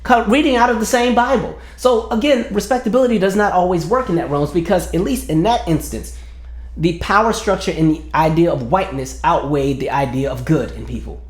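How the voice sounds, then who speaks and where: A man's voice: sits high, fairly quick. Earnest man in an echoey room. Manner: earnest, building arguments, acts out quoted voices. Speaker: commentary vlogger. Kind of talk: opinion monologue to camera.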